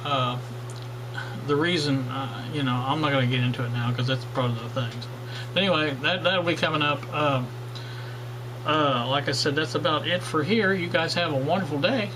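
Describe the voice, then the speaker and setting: The host of a radio hobbyist channel speaks at a moderate pace, his voice on the high side, amid background noise. In this casual workshop vlog on old radios, he rambles with lots of fillers and restarts.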